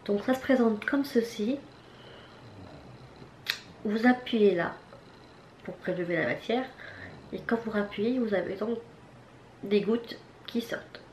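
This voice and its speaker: Slow and pausing often, a woman with a slightly mellow, medium-pitched voice reviews her makeup haul. The beauty vlogger chats casually yet hesitantly, restarting often and using many fillers. Her room echoes, and there's faint noise behind her.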